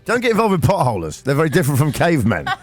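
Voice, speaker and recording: A man's voice: a little high, huge pitch swings, rapid-fire. A man hosting a radio show, joking and laughing in casual banter. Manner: jokey, playful, laughs a lot.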